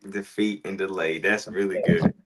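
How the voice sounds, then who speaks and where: A man co-hosting a casual faith and relationship talk show, telling stories with animated restarts. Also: deep voice, moderate pace. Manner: animated storytelling, frequent restarts. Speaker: podcast co-host.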